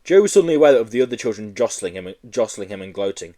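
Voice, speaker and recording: A man reading a children's book aloud in an animated storytelling manner. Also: lowish voice, fast. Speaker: audiobook reader. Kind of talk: storybook narration.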